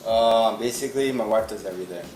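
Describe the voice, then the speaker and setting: A man's voice: fairly low pitch, fast, noisy background. A father speaking offhand and candidly in an interview. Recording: echoey room with loud music.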